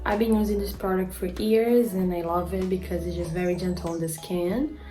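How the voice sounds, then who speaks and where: A woman in her twenties, a model and beauty vlogger with a Brazilian accent, casually walks through her skincare routine over soft background music. Her voice is mellow and fairly low, with a fairly even intonation and a moderate pace. She uses "like" a lot and stumbles over product names.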